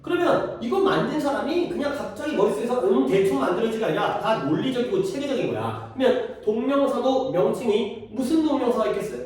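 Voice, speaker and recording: A man's voice: extremely high pitch, big pitch swings, fairly quick, few pauses, a little mellow. A male teacher giving a classroom grammar lesson, quizzing his students and repeating key terms. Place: classroom at a cram school. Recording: echoey classroom, voice from far off.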